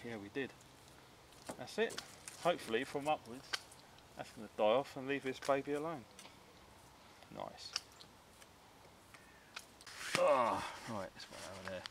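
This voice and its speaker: A man's voice: mid-range voice, lively intonation, normal speed, long pauses, background noise. A British man chatting casually outdoors in a blokey, jokey, slangy way while trying out gear. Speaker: outdoor bushcraft vlogger. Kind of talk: casual chat while testing a knife. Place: outdoors among trees and undergrowth.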